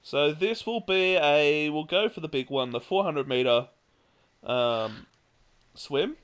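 Male podcast host, lively pitch, bright tone, runs the round with quick laughs. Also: clear, resonant tone. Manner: laughs often, moderates the votes. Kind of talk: casual panel chat.

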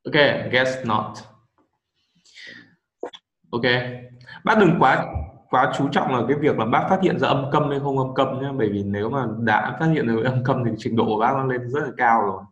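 A man's voice: medium pitch, fairly quick. Patient Vietnamese-accented male tutor, echoey. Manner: patient, corrects and models words. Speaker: English tutor. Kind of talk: one-on-one pronunciation lesson. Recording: roomy echoey room.

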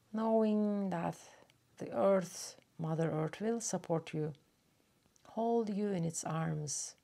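This yoga nidra teacher has a medium-pitched voice with vocal fry. She leads a relaxation meditation softly and without rushing, letting long pauses settle in.

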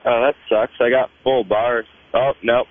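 A man's voice: medium pitch, fairly even intonation, a little slow. A man who produces the show, calling in as a field reporter on a cell phone with a bad connection that sounds underwater, laughing easily and hamming up mock-shocked overreactions. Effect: cell phone call with a bad, underwater-sounding connection. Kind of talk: casual banter and street prank bits. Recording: muffled, noisy phone line.

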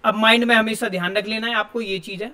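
A man's voice: sits high, steady tone, fast, sharp tone. A male teacher, giving a classroom grammar lesson and explaining step by step while asking his students questions.

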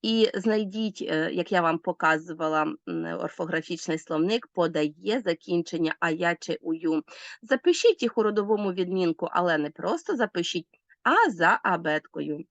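A woman's voice: lowish voice, lively intonation, moderate pace, no echo. A woman teacher with a Ukrainian accent, giving a recorded grammar lesson to pupils. She lists word forms one by one, stresses the endings and tells the class what to write down. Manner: addresses pupils directly with instructions.

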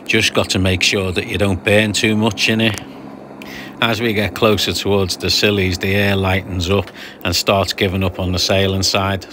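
A man with a somewhat low voice talks through a sailing passage in a relaxed voice-over. He explains things patiently and slips in dry jokes. A clear, steady hiss runs under the recording. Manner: chatty, explanatory, dry humour. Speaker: sailing vlogger narrating a passage.

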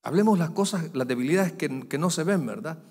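A male pastor preaches in a fairly high, very lively voice. His delivery jumps from loud, stretched-out calls down to soft, confiding asides. The sound carries a long reverb from a large church hall. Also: fairly quick, husky. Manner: animated preaching, voice swinging from loud peaks to quiet asides. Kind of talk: sermon.

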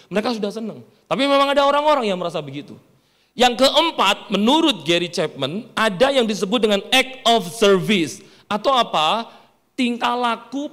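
Pastor, lively high voice. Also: male voice. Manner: storytelling, joking, playful with the congregation. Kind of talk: sermon. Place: church hall. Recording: reverberant church hall.

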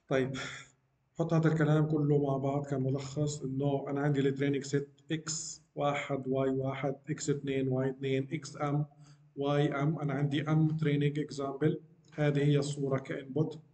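A man's voice: a little high, mellow, reverberant. A middle-aged man giving a university lecture, explaining step by step and often checking in with "okay?". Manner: explanatory, frequent check-ins asking "okay?", mixes English technical terms. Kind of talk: university lecture on deep learning.

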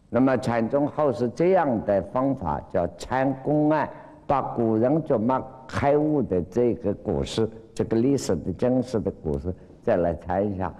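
A man teaching as a Buddhist lecturer, retelling a Zen story with lively acted-out cries and frequent drawn-out fillers. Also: lowish voice, lo-fi sound. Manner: animated storytelling, acts out quoted cries. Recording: long hall reverb.

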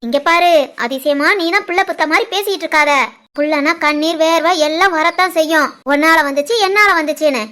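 A sharp-tongued old grandmother in a cartoon family comedy, as a woman puts her on. She scolds in a dismissive way, in a Tirunelveli Tamil accent, with a very high, squeaky cartoon voice. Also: brisk. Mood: scolding.

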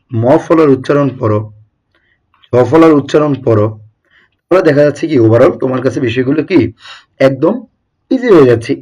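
A man's voice: mid-range voice, darkish tone, dull audio. A young man teaching an exam-prep lesson, who keeps posing rhetorical questions and answering them himself.

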